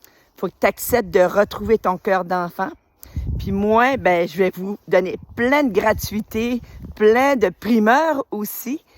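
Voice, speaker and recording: With a medium-pitched voice and some slight background noise, a woman in her fifties speaks unhurriedly into her phone on a winter road. She's a retired teacher from New Brunswick, Canada, who leads a spiritual group, and she welcomes its followers in a warm, enthusiastic, rambling way thick with fillers.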